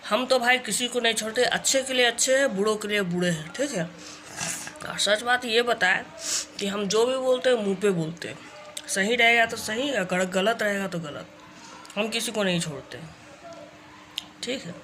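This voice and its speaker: A woman's voice: mid-range voice, moderate pace, long pauses, a bit bright, slight background noise. A young woman vlogger speaking straight to camera, scolding someone in a confrontational tone and repeating her warnings. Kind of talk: direct-to-camera rant vlog.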